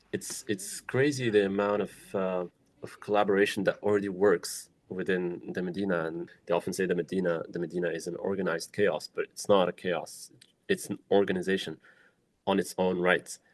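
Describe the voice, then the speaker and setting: A young man from Morocco, a woodworker, speaking thoughtfully in a documentary interview, with many pauses, fillers and restarts. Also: deep voice, no room sound. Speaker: woodworker and small business founder.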